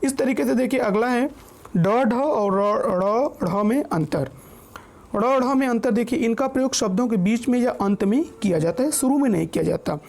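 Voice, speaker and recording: A man's voice: very high voice, expressive, moderate pace, vocal fry, darkish tone. A man teaching an exam-prep grammar lesson, explaining step by step and reading out lists of example words. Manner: checks in often with the listener.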